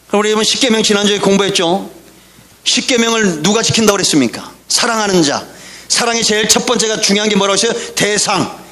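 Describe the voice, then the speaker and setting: A man preaching a fiery sermon as pastor, breaking into shouted bursts and throwing rhetorical questions at the congregation. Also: sits high. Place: church sanctuary.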